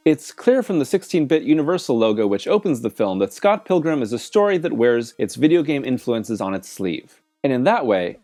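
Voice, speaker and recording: A man with a mid-range, slightly mellow voice narrates a scripted film essay as a video essayist, with background music playing behind him.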